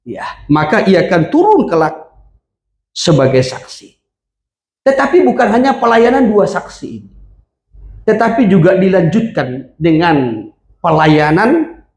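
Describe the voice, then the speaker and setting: A male pastor preaching a sermon, explaining scripture with call-and-response and rising to emphatic shouts. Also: a little high, roomy sound. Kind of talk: sermon with congregation reading verses.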